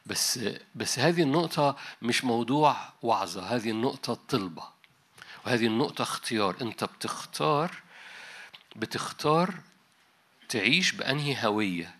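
A man's voice: medium pitch, expressive, a little fast, a bit bright. A man preaching a sermon in an Egyptian Arabic accent, talking conversationally and dropping in English words. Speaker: pastor. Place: large conference hall.

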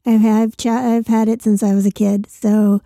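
A woman co-hosting a podcast in casual chat, with a gravelly voice from a chest infection. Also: mid-range voice, level tone, normal speed, mellow, no room sound, studio quality. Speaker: podcast co-host.

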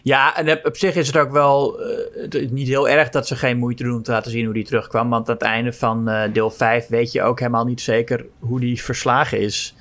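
A man's voice: mid-range voice, level tone, brisk, hardly any pauses, fairly bright tone. A man co-hosting a podcast, discussing horror films casually with hesitations, repeated words and frequent laughs.

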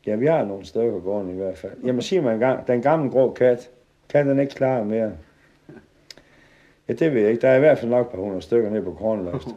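A man tells a funny anecdote to a live audience in a lively, chuckling way. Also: medium pitch, highs cut off. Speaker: storyteller. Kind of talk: comic storytelling to a live audience.

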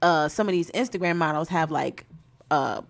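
A woman's voice: sits low, moderate pace, gravelly. A woman co-hosting a podcast in casual chat, talking emphatically and laughing often. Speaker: podcast co-host.

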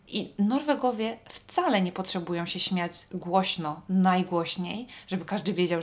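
A Polish woman hosting a podcast, talking in a chatty, wry monologue with frequent fillers. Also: lowish voice. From Poland. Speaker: podcast host. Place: northern Norway.

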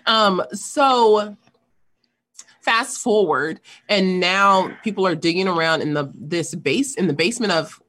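A woman with a lowish voice talks through a serious subject in casual conversation. She is earnest and thinks out loud, pausing often on fillers as she works through her points. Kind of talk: casual discussion.

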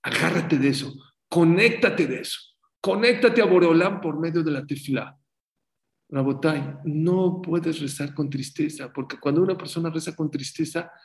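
A man giving a sermon as a religious teacher, telling stories in an animated way. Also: high-pitched. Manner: animated, acts out story voices. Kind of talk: sermon with storytelling. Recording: roomy echo.

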